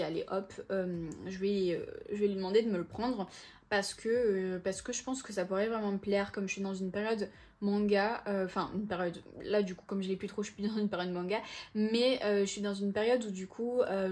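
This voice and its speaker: A woman's voice: mid-range voice, a little mellow. A woman in her twenties chatting casually through a book haul video, often hesitating and correcting herself. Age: 20s. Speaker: book vlogger.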